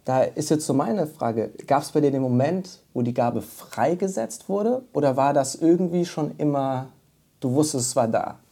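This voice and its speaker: A woman hosts a church interview, responding warmly to her guest with lots of short approving remarks. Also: low-pitched, lively intonation, normal speed, husky. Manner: affirming, many wows. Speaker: host.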